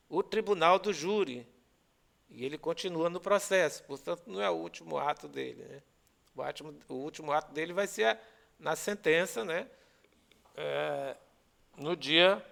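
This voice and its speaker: High, bright-voiced Brazilian law teacher. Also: male voice, gravelly. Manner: explanatory, frequent "né?" and "tá?" checks. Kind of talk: recorded lecture.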